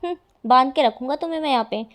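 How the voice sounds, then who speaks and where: A woman's voice: high-pitched, fast, natural voice. A woman voicing a moody, lovesick teenage boy in a story reading, whiny and pleading. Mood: lonely sulky.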